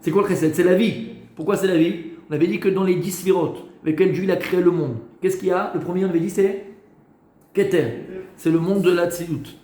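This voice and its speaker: A rabbi with a high-pitched yet dark-toned male voice teaches a Torah class at a brisk pace with fairly even intonation. The room echoes as he asks questions, answers them himself, and leans on hesitant fillers and repeated words.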